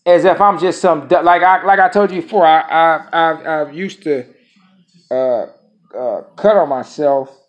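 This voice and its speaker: A man's voice: on the high side, measured pace. A man in his thirties speaking a casual monologue to camera, rambling and profane, often repeating his phrases. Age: 30s. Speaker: vlogger.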